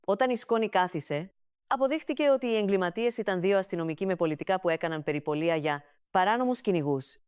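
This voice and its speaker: A woman narrating a comic family story with an even, steady storytelling delivery, recorded close to the mic. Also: mid-range voice, clear, resonant tone, no room sound.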